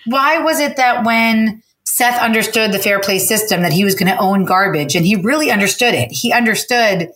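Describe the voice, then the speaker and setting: Brief: woman host, casual chat, expressive storyteller, roomy echo. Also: mid-range voice. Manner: animated, storytelling, rapid shifts in pace.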